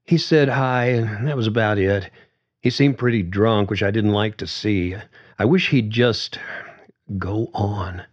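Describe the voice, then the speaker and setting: A man voices a young woman, a daughter who is shaken but frank, giving her father hesitant, halting answers. His lowish voice is pushed up in pitch, and the recording sounds muffled.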